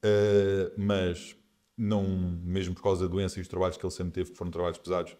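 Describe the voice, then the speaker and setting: A man in his twenties, a podcast guest speaking calmly and reflectively in a casual interview. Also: sits low, fairly quick. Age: 20s.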